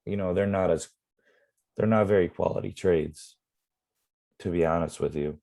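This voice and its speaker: Low, dark-voiced man explaining trades. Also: moderate pace, creaky. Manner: relaxed, rambling, many fillers. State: losing his voice. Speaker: forex trading mentor. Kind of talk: casual live trading explanation.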